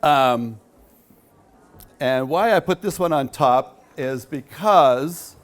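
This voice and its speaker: A man's voice: mid-range voice, animated, slow pace. A man giving a rambling, chatty talk at a quilt show and taking questions from the audience, with many fillers. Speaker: featured speaker at a quilt show. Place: hall.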